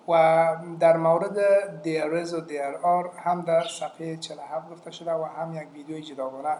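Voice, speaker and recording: A man with an Afghan Dari accent teaching an online English lesson, talking patiently and repeating each word slowly with many hesitations. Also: fairly high pitch, darkish tone. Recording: echoey room with faint noise.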